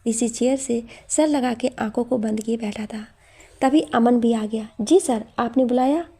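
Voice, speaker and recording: A woman narrating a scripted story in a calm, steady manner. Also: on the high side, measured pace, husky.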